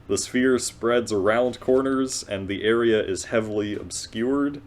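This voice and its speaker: A man chatting casually as a player in a tabletop game, thinking aloud in a halting way. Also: medium pitch.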